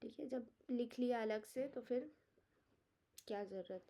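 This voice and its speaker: A woman's voice: on the high side, unhurried, vocal fry, mellow. A woman teaching an Ayurveda exam-prep lecture. She reads Sanskrit verses, explains them in Hindi with English terms, and gives memory tricks. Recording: dull lo-fi lecture recording.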